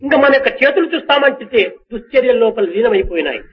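A man's voice: very high voice, expressive, quick pace, muffled recording. A man giving a spiritual discourse, preaching in rhythmic phrases that rise into exclamations. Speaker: spiritual speaker. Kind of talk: Telugu discourse.

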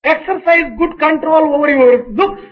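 A man translating a spiritual discourse line by line, in measured, deliberate phrasing. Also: extremely high pitch, lo-fi sound. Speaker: interpreter.

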